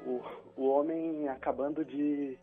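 A man from São Paulo state calling in over the phone to tell a joke, sounding sleepy and drowsy, with a soft, velvety voice. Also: fairly high pitch, fairly even intonation, measured pace. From São Paulo state, Brazil. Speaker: caller telling a joke. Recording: dull phone line with faint music.

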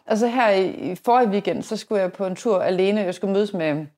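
A woman in her forties hosting a podcast, chatting casually and telling stories in a lively way with many restarts. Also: mid-range voice. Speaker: podcast host. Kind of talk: casual conversation.

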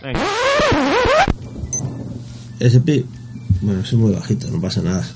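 A man's voice: lowish voice, animated, measured pace, very noisy. A man co-hosting a home podcast, chatting casually and teasingly, laughing often, into a studio microphone with a foam windscreen. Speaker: podcast co-host and father. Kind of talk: casual chat.

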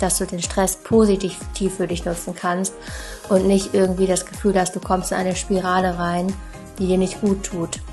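A woman who is a teacher hosting a podcast, introducing her guest in an encouraging way. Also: lowish voice. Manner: warm-hearted, encouraging.

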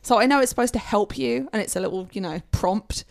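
Creaky-voiced woman chatting. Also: medium pitch, fast talker. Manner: chatty, wry storyteller. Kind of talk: casual chat.

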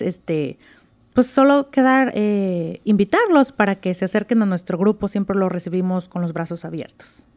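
Effusive Mexican woman, lower voice. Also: a little mellow. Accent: Mexican Spanish. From Mexico, Oaxaca. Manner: effusive and enthusiastic, stresses words like "super". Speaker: interview guest, writing group member. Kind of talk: casual radio interview.

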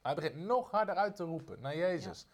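A man preaching a sermon, emphatic, repeating phrases and slowing down on key lines. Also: on the high side, very animated.

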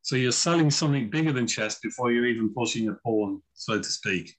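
A chess author appears as a guest on a casual podcast, telling chatty anecdotes and acting out what other people said. He's a man with a medium-pitched, animated, brisk voice, and the audio is poor.

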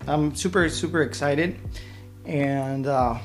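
A man's voice: a little high, slow pace, soft background music. A man from Mexico with a Mexican accent, a friendly interview guest who thinks aloud, with frequent ums and restarts. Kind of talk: casual interview.

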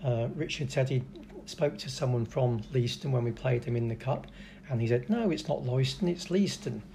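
A mellow man hosts a casual local football chat. He restarts his sentences and slips in dry jokes. A faint noise sits under the voice. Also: mid-range voice, moderate pace. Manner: chatty, hesitant restarts, dry humour. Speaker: club radio host.

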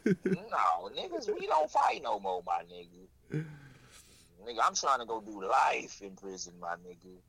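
A man's voice: mid-range voice, wildly swooping pitch, normal speed, gravelly, a bit bright, slightly rough, no echo, rough recording. A man chatting casually in heavy slang with lots of swearing and teasing. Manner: slangy, profane, playful teasing. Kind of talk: casual chat.

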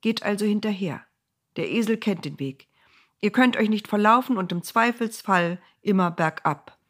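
Lady doing a stern angel guy, calm, not impressed. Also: medium pitch, normal speed, voice pushed up, close to an everyday voice. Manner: stern, unmoved.

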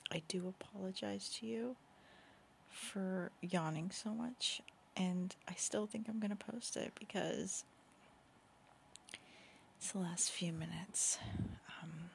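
A woman's voice: on the low side, creaky, slight background noise. A woman in her thirties whispering a podcast at home late at night, yawning often as babies sleep beside her. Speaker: podcast host and author.

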